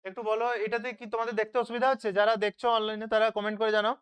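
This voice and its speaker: Tutor, online revision lesson, smooth clear voice, asks and then answers. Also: medium pitch, level tone, rapid-fire, fairly bright tone. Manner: asks questions and answers them himself, checks with "তাই তো?". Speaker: teacher. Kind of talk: online live class, question-and-answer revision.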